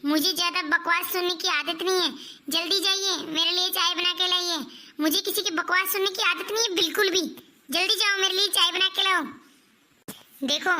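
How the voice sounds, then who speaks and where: A woman playing a sharp-tongued, defiant young daughter-in-law in a family comedy skit, scolding and threatening. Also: very high voice, exaggerated voice. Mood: bossy.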